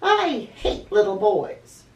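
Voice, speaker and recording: Grandma lady doing a bossy impatient little girl mouse for a kids story, high and swoopy, echoey. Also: huge pitch swings, measured pace, muffled recording. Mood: angry, sulky. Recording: roomy, distant mic, faint background noise.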